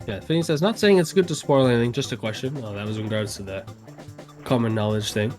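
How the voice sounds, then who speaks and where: Over faint music, a man co-hosting a game stream chats casually and reads viewer comments, rambling and laughing often. His voice is medium-pitched, quick and darkish, and he's choking a little on a coffee bean.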